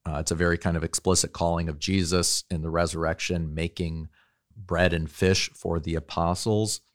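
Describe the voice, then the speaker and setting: A man's voice: sits low, steady tone, moderate pace, no echo, clean studio sound. A man who teaches at a university, giving a thoughtful lecture on literature and faith and often checking in with tag questions.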